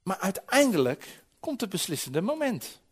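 A man in his forties preaching a sermon, telling stories lively and acting out voices, often restarting his words. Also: high-pitched, normal speed, husky. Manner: lively storytelling with acted-out voices; frequent restarts and repeated words.

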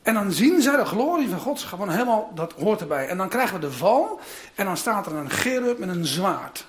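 A preacher delivers a sermon with dramatic storytelling. The voice swings through a lively range of pitch and keeps breaking into casual asides to the listeners. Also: fairly quick.

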